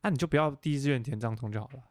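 A young man from Taiwan hosting a casual podcast chat, teasing his guest with quick probing questions. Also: medium pitch, darkish tone, no echo, clean studio sound. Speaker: podcast host.

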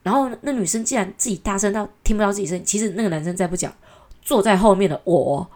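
A woman's voice: mid-range voice, quick pace, darkish tone. A woman from Taiwan with a Taiwanese Mandarin accent, telling a story in a casual, chatty way, exasperated and full of mocking asides. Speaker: vlogger.

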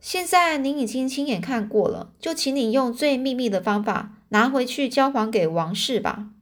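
A woman voicing a courteous, calm and wry male detective in a storybook reading. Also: sits high. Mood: polite. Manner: courteous and unhurried.

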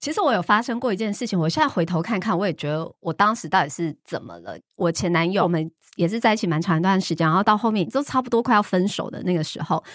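Fast, chatty woman in her thirties. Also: on the low side, big pitch swings, no echo, studio quality. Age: 30s. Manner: chatty, teasing, laughs often. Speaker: podcast co-host. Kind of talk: casual chat.

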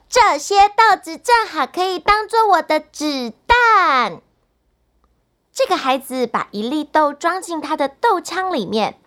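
High, animated woman storyteller. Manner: warm, animated, speaks to children directly. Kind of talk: bedtime story narration for children.

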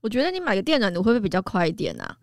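A woman, a nutritionist hosting a chatty health talk and sharing personal stories, with many drawn-out sentence particles. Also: mid-range voice, very animated, dry recording, clean studio sound. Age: 40s. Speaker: nutritionist host.

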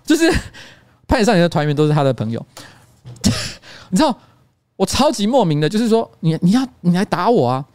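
A man in his thirties with a Taiwanese Mandarin accent hosts a radio-style livestream and tells stories in a self-mocking way. He talks in a rapid, tumbling rush, often restarting his sentences. His voice sits fairly high, and the recording is close and dry, with no room sound. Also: dry recording. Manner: animated storyteller, self-mocking, with frequent restarts. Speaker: host.

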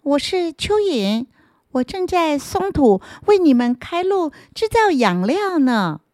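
A kind earthworm from a children's storybook, friendly and encouraging like a helpful big brother, as a woman storyteller puts it on. The voice sits high and lilts with lively pitch. The sound is close and dry. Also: unhurried, no echo, exaggerated voice. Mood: kindly. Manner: warm, kindly, encouraging.

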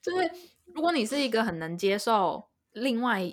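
A woman's voice: on the high side, big pitch swings, moderate pace. A woman hosting a podcast, chatting expressively and laughing easily. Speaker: podcast host. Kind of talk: casual chat.

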